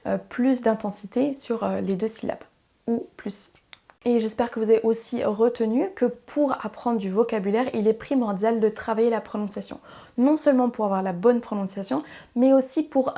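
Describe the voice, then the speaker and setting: A woman's voice: a little high, dark tone. A woman speaking as a language teacher, giving an encouraging, explanatory lesson to camera with a few hesitations. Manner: friendly, encouraging, explanatory with some fillers. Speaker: English teacher.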